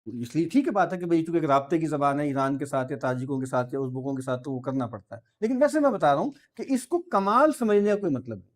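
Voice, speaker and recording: A man giving an informal, discursive lecture, with asides and soft laughs, and reading verse slowly. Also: on the high side. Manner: reads verse slowly and drawn out.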